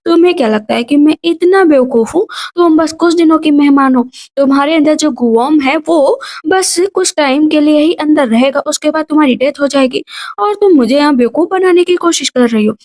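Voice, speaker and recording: A woman's voice: sits high, a little fast, darkish tone. A woman voicing an arrogant male fox demon, speaking in a scornful, threatening way.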